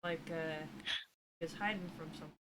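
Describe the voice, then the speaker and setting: A woman playing a tabletop game, describing her character's actions in halting speech full of fillers. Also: sits low, steady tone, poor audio. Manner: hesitant, halting, many fillers. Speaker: player. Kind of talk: casual tabletop play. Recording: noticeable background noise.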